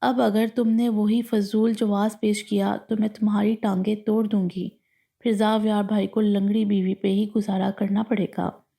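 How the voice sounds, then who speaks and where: A playful, teasing young woman, the bride's cheeky friend in a storybook, as a woman narrator reads her lines. Her voice sounds mellow and gravelly. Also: medium pitch, little pitch movement, normal speed, lightly acted.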